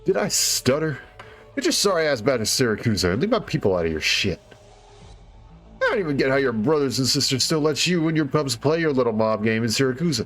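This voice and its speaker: Man voicing a swaggering penguin gang boss: high, bouncy and slangy, with faint music under it. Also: very animated, brisk, a bit bright. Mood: taunting. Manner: slangy, cocky, threatening. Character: brash swaggering male penguin mob boss.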